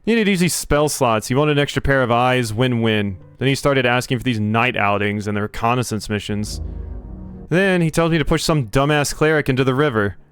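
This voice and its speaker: A man's voice: medium pitch, brisk, fairly bright tone, smooth, soft background music, close to an everyday voice. A man voicing a snarky, foul-mouthed teenage girl assassin who sneers and swears. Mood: defiant.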